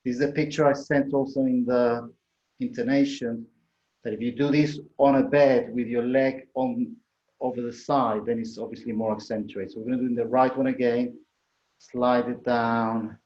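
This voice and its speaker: A man's voice: mid-range voice, flat delivery, moderate pace, a little mellow. A man instructing a yoga class in a conversational way, correcting himself as he demonstrates the moves. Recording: echoey room, dull muffled sound.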